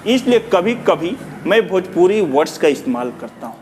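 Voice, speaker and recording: Man, teacher addressing students, earnest, rhetorical, slightly raised pitch. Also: very animated, moderate pace, a little mellow, a little hiss or hum. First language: Bhojpuri. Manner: earnest, repetitive, rhetorical questions, mixes in English. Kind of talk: addressing students, reading out feedback.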